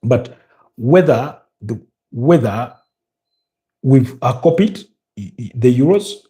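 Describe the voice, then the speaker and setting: A man from Africa hosting a football watch-along, giving live match updates and casual news in a deliberate, hesitant way with repeated phrases. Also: mid-range voice, animated, dark tone.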